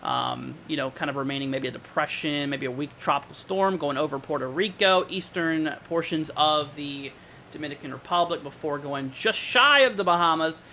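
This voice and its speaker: A man's voice: on the high side, moderate pace, bright, forceful tone, a little hiss or hum. A man hosting a live weather forecast, talking informally and conversationally as he thinks aloud. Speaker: weather livestream host.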